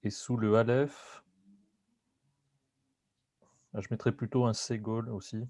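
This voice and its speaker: A man's voice: fairly low pitch, level tone, normal speed, dark tone, dry recording. A man answering in a language class, tentative and unsure of himself. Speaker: student.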